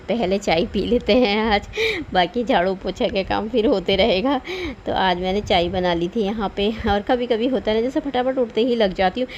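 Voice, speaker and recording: A woman's voice: medium pitch, a little mellow, lo-fi sound, slight background noise. Chatty homely woman vlogger. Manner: chatty and homely, frequent little laughs and tag questions. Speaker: home vlogger. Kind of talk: casual voice-over narration of housework.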